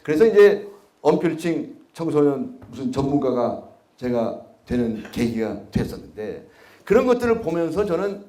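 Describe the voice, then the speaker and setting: A middle-aged man giving a public lecture, telling stories and putting questions to his audience, sometimes quiet and sometimes loud. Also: medium pitch. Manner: storytelling, asks the audience questions, wide swings in loudness. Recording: echoey hall.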